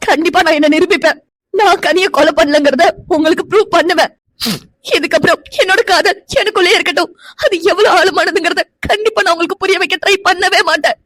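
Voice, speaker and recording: A woman's voice: extremely high pitch, quick pace, fairly bright tone, no echo. A woman voicing an anxious, heartbroken young wife in a cartoon drama, fretting aloud to herself. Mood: sobbing.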